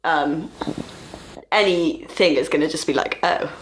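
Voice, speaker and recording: A young woman chats casually as a podcast co-host, her voice a little low. She muses and hesitates as she talks, with faint noise behind her. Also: moderate pace, low-quality recording. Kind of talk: casual chat.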